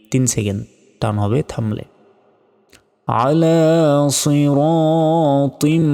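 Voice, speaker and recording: A man teaching Quran recitation, carefully spelling out each letter and vowel mark, then chanting the words in long drawn-out tones. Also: fairly low pitch, dark tone, clean tone, long reverb tail. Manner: slow, deliberate spelling out, drawn-out melodic recitation.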